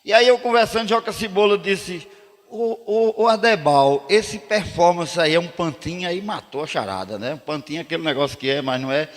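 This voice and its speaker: A man's voice: sits high, a little fast. Older man telling stories. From Brazil, Rio Grande do Norte. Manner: animated, declamatory when reciting verse. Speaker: poet and storyteller. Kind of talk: storytelling to a live audience. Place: cultural center hall. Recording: long hall reverb.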